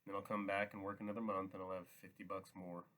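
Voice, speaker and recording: A man voicing a weary, guarded male farmhand who speaks slowly and heavily. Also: sits low, flat delivery, fairly bright tone. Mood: resigned.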